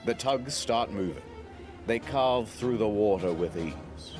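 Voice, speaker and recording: A man narrating a comedy documentary, his pitch leaping around as he builds mock drama. His delivery is dry and theatrical at once, with faint music underneath. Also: lively intonation, takes it slowly.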